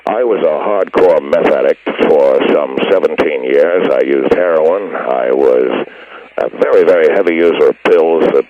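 Gravelly old ham actor, muffled as if into a trash can. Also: male voice, extremely low pitch, background noise, pitched below the performer's own voice. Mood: grave, confessional. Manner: pompous, formal, halting with many uh's. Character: gravel-voiced older man, stuffy former stage actor. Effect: muffled, hollow sound as if talking into a trash can.

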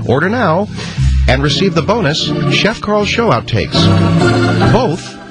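A man voicing a booming announcer in a parody cooking show infomercial. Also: big pitch swings, measured pace, loud music behind the voice. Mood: hyped, selling. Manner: infomercial pitch.

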